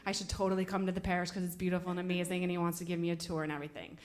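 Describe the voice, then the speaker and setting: A woman telling a personal story to an audience, animated and full of "like", acting out her own thoughts. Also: fairly low pitch, rapid-fire. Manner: animated, filler-heavy "like", acts out her own inner thoughts.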